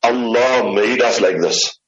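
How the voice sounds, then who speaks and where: A man's voice: mid-range voice, slow pace. A man, an Islamic scholar, giving a religious lecture with slides in an emphatic way, repeating key phrases. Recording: roomy, dull lo-fi room recording.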